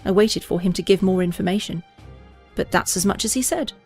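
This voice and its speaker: A woman's voice: mid-range voice, a little fast, a little mellow, slightly rough, faint music behind. A woman reading an audiobook, narrating and voicing several characters with small shifts.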